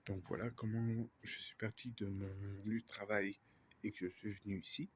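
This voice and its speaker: A man talking quietly in a hushed, often half-whispered way, narrating an exploration vlog at night. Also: fairly low pitch, little pitch movement, moderate pace, a little hiss or hum. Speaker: urbex explorer filming for viewers. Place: inside a dark abandoned building.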